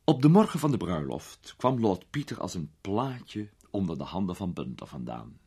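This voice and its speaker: Deep husky guy reading a story out loud, really expressive. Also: moderate pace. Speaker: narrator. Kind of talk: audiobook narration.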